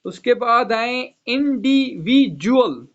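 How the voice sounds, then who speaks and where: A man's voice: extremely high pitch, lively intonation, drawn-out words, fairly bright tone. A man teaching an online English vocabulary lesson, spelling each word letter by letter and saying "okay" again and again. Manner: spells words letter by letter, repeats "okay" often. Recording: dull lo-fi online class audio.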